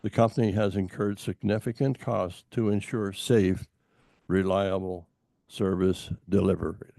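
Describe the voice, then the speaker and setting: An older man from Montana giving public testimony at a utility hearing, halting and full of fillers and restarts. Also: sits low, level tone, vocal fry, dark tone, dry recording, studio quality.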